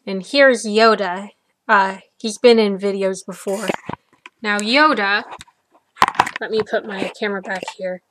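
A woman's voice: medium pitch, steady tone, a little slow, long pauses, fairly bright tone, a little hiss or hum. A young woman vlogging to her webcam from her computer desk at home, chatty and cheerful, cooing now and then at her dog. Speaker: vlogger and violinist. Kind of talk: casual chat to camera.

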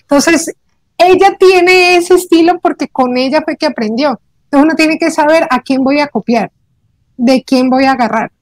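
A woman explains language tips in an animated, teacherly way, acting out how her students speak. Her voice sits high. The sound is dry and close, with no room around it. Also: moderate pace, no room sound. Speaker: Korean teacher and host. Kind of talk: casual panel chat.

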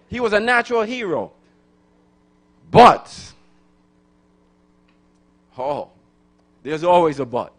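Here the guest preacher, a middle-aged man from Brooklyn, New York, sits high and a bit bright as he preaches into a handheld microphone in a church. Repeating phrases and calling out for the congregation's answers, he climbs toward an emphatic call-and-response peak.

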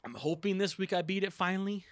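With a high-pitched voice and a fast delivery, a man in his thirties co-hosts a gaming podcast, chatting casually, rambling, and retelling things animatedly with frequent "like" fillers. His boom-arm desk mic in a small studio with a dark curtain picks up no room sound.

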